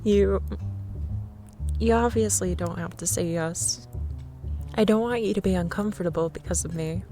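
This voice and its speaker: Shy overthinking cafe girl voiced by a woman, soft warm tone, faint music behind. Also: mid-range voice, normal speed, pauses often, lightly acted. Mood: nervous. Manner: rambling, self-conscious, overthinking. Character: shy nervous young woman stranger at a cafe. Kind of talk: ASMR roleplay.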